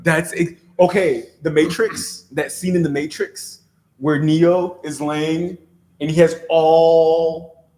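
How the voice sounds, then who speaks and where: A man with a fairly high voice talks casually as a guest on a show. He recounts an experience with animation, often circling back and repeating a phrase to drive it home. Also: fairly even intonation, takes it slowly, dark tone. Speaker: podcast guest.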